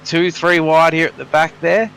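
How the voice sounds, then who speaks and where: A man's voice: fairly high pitch, little pitch movement, normal speed, vocal fry, fairly bright tone, faint music behind. A man giving live motorsport commentary on a sim race.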